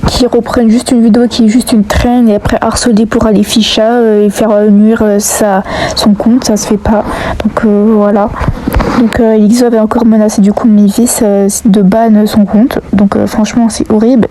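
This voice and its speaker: A woman's voice: mid-range voice, level tone, normal speed, mellow, slight background noise, rough recording. A woman telling a storytime vlog, hesitant and full of fillers, often dropping to a half-whisper. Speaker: YouTuber telling online drama.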